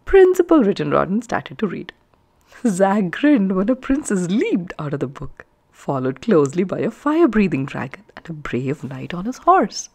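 A woman reads a children's story out loud, using expressive, emphatic delivery aimed at young listeners. Her voice sits on the low side and moves at a normal speed.

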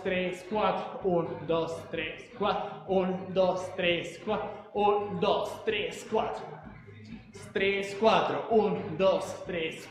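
A male fitness coach with a high voice leads exercise at a very slow, measured pace. He projects clipped counts and short commands. The sound rings heavily in a big hall, with music behind. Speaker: fitness instructor. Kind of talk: aerobics class instruction with rhythmic counting. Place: large indoor studio with wooden floor.

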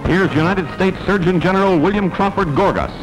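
A man narrates in old newsreel fashion, his fairly high voice snapping out clipped headline phrases with the articles dropped. Loud music plays right behind him the whole time. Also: brisk, low-quality recording.

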